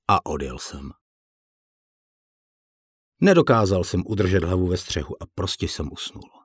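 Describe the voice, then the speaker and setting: Deep, husky male audiobook narrator. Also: a little mellow, dry recording, clean studio sound. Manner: colloquial, blunt, with casual swearing. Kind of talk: first-person audiobook narration.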